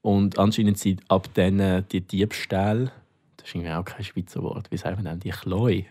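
A man's voice: deep voice, fairly even intonation, normal speed, a little mellow. A man with a Swiss German accent co-hosting a podcast, joking around in casual chat with frequent fillers. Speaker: podcast co-host.

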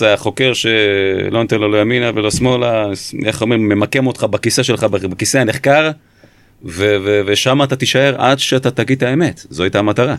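A man who used to be a police interrogator describes in an interview how he questioned a suspect, speaking in a measured, emphatic way. His voice is mid-range, with no room sound on the recording.

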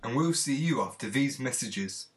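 A man's voice: mid-range voice, lively intonation, normal speed, soft background music. Dry-witted man co-hosting. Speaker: co-host. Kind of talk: casual comedy film chat.

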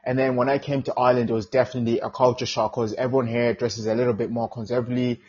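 A man in his twenties from Zimbabwe, a podcast guest answering casually and relaxed, with frequent fillers. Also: medium pitch, very fast, slightly rough, dull audio. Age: 20s.

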